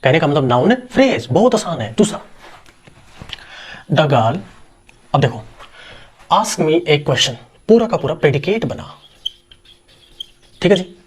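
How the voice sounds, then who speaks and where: A man's voice: on the high side, very animated, a little slow, pauses often, a little mellow, breathy edge. A young man teaching a grammar lesson, explaining step by step, asking rhetorical questions and answering them himself. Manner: reassuring fillers and repeated checks. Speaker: English teacher.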